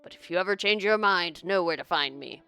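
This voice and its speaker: A woman voicing a smarmy, courtly male dark elf flatterer from a video game, with florid, ingratiating gallantry. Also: fairly low pitch, brisk, clear, resonant tone, faint music behind. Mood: wistful, gallant. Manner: florid, ingratiating, old-fashioned gallant phrasing. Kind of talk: video game character read aloud.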